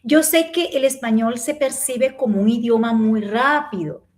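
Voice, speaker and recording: A woman giving a live-stream Spanish lesson, explaining and demonstrating pronunciation by slowly repeating words. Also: fairly high pitch. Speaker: Spanish teacher.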